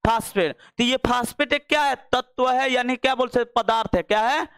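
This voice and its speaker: Young guy teaching biology, really high pitched, keeps repeating q and a. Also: moderate pace, a bit bright, clear, resonant tone, no room sound, clean studio sound. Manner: repeats questions and drills answers. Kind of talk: classroom-style biology lesson.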